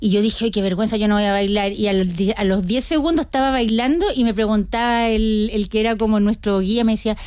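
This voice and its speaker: A woman's voice: mid-range voice, steady tone, fast, few pauses, a little mellow, clean tone, dry recording, clean studio sound. A woman in her sixties, a guest on a radio interview, telling stories with many restarts. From Chile. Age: older. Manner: chatty, storytelling with many restarts.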